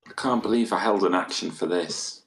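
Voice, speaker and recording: Man, tabletop player, very low voice, dry blunt quips. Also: fairly quick, creaky, a bit bright, slight background noise. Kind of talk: casual tabletop game talk.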